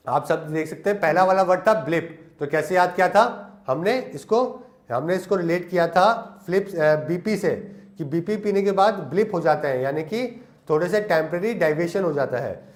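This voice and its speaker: A young man teaching English vocabulary in Hindi, giving memory tricks and asking questions he answers himself. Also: on the high side. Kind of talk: Hindi lesson on English words.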